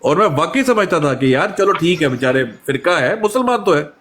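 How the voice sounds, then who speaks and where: A man recounts his experiences in a relaxed interview, slipping into other people's voices as he retells conversations. A faint hiss sits under the recording. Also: fairly high pitch, moderate pace. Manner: animated storytelling, acting out quoted exchanges. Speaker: guest.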